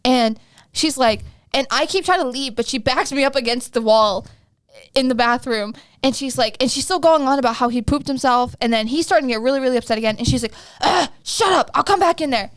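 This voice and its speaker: A young woman in her twenties tells a rambling, animated story as a podcast co-host, leaning on "like" at every turn. Her voice sits a little high, recorded close and dry with no room sound. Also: brisk, clean tone, no room sound. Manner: animated, rambling, heavy use of "like". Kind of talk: casual storytelling chat.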